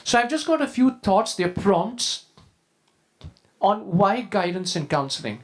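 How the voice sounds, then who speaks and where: A man with an Indian accent giving a prepared talk as a school leader, in a formal, measured and emphatic way. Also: high voice, animated. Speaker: school deputy head, conference speaker. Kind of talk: prepared presentation to an audience.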